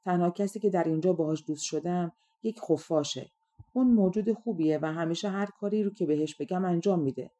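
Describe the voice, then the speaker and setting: Storybook frog fairy, kindly and eager, as a woman reader voices it; mellow, lowish voice. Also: close to an everyday voice. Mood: reassuring.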